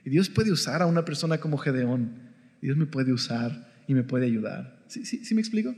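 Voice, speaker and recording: A man's voice: medium pitch, expressive, moderate pace, darkish tone. A man giving a conversational devotional Bible teaching, often checking in with his listeners. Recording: long hall reverb.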